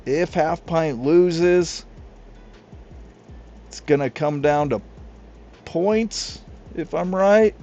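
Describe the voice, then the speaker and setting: A man calls the action in a casual, excitable play-by-play style, breaking off for chatty asides to his co-hosts. He takes his time with each phrase. The recording is a little muffled, with music playing clearly underneath. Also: a little high, extremely slow, pauses often. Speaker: league commentator.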